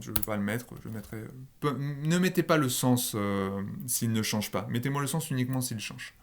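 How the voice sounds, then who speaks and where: A man explains phonetic rules in a recorded lesson at a middle pitch. He goes step by step, with fillers and small asides, and keys tap now and then in the background. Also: a little hiss or hum. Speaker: linguistics teacher.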